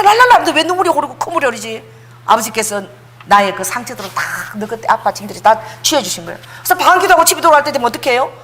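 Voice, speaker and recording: A middle-aged woman preaches in a lively, animated sermon. Her voice sits a little high and swings widely in pitch as she tells stories, acts out quotes, and breaks into tongues.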